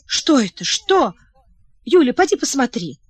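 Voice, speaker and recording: A woman's voice: high voice, sing-song, unhurried, slightly rough, dry recording, full character voice. A woman reading the part of an anxious, tearful young princess who pleads and asks breathless questions.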